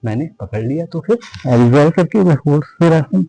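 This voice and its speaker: A man with a Hindi accent teaches a guided yoga class, his voice on the high side, mellow, brisk, and animated. He counts breaths and repeatedly calls his viewers friends, reassuring them to go easy and rest instead of straining. The audio is poor, with slight background noise.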